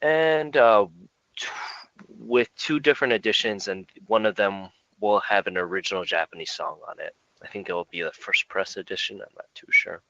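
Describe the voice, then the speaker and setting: A man with a lowish voice and a bright, forceful edge talks loosely on a music podcast. He rambles and fills gaps with "um" and small chuckles. The sound is dry and a little dull, like a lo-fi home mic. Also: normal speed, no echo. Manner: relaxed, rambling, frequent fillers and chuckles. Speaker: podcast co-host. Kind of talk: casual music podcast chat.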